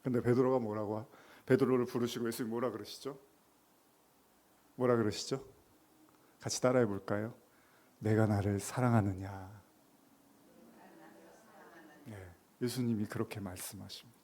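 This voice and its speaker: A middle-aged man preaching to his congregation in a relaxed, conversational way. He slips into short acted-out exchanges and laughs along with his own stories. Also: mid-range voice, a little fast, long pauses. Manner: conversational preaching, acting out dialogue, laughing often. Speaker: pastor. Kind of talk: sermon.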